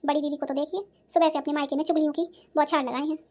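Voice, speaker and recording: A woman voicing a sharp-tongued young daughter-in-law in a cartoon, answering back defensively. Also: high voice, level tone, racing, lightly acted. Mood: defiant. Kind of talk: cartoon voice acting.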